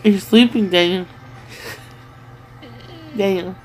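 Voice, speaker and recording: A woman's voice: medium pitch, steady tone, takes it slowly, darkish tone, faint music behind. A woman in casual chat, teasingly prodding a sleep-talking partner with repeated questions. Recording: noisy home recording.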